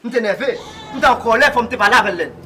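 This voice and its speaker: A man's voice: very high-pitched, rapid-fire, bright, forceful tone. A man playing a brash, rude orphan. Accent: Haitian Creole. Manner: blunt, unapologetic. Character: brash orphaned man who talks rudely. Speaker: character in a web drama series. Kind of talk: dramatic acting.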